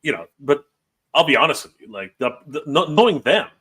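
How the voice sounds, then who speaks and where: A man from Canada co-hosting a casual live stream. He rambles, doubles back and repeats words, and his pitch moves around lively. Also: fairly quick. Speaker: podcast co-host.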